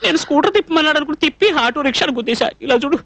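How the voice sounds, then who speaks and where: A man's voice: extremely high pitch, expressive, rapid-fire, gravelly, pushed and bright, dry recording, exaggerated voice. An actor playing a shy, naive young man in a dubbed comedy film scene, talking in a flustered, rambling way. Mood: pleading.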